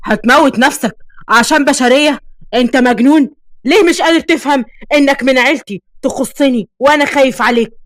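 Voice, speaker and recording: A woman's voice: on the high side, expressive, fairly quick, no room sound, close to an everyday voice. A woman with an Egyptian accent voicing a cruel old male jinn elder who mocks and threatens, in a storybook reading. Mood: angry. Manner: mocking, menacing.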